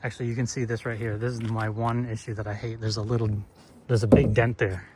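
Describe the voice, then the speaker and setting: A man's voice: fairly low pitch, fast talker, slight background noise. Casual man chatting outdoors while washing a car. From northeastern United States. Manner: relaxed, rambling, filler-heavy. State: slightly out of breath. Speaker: vlogger.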